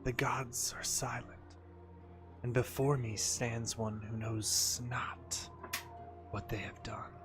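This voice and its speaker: A man voicing a monumental, ancient, menacing serpent in a breathy hissing whisper, slow and ominous, for a game story. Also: mid-range voice, fairly even intonation, music in the background, lightly acted.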